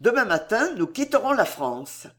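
A woman's voice: mid-range voice, very animated, moderate pace, a bit bright, voice pushed up. A woman voicing a cold, scheming female royal confidante in a read-aloud historical novel, icy and cuttingly polite.

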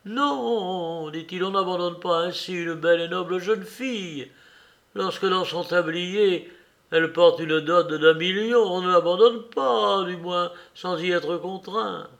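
A man's voice: sits high, a little slow, vocal fry, pitched above the performer's own voice, exaggerated voice. A man acting a furious grieving old father. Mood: enraged grief. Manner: loud, impassioned outbursts. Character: older grieving father, a mayor, enraged and vengeful. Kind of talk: audiobook reading.

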